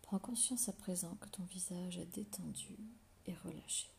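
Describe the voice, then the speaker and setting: A woman whispers a guided meditation right in the listener's ear, low and creaky. She gives slow, soothing relaxation cues with long pauses between them. There is faint noise behind her voice. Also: fairly even intonation, a little mellow.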